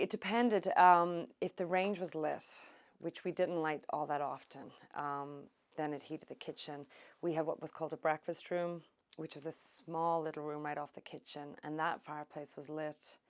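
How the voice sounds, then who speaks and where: A middle-aged woman from Ireland, recalling her country childhood in an oral history interview, unhurried and thoughtful with many pauses. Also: low voice. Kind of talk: reminiscing interview.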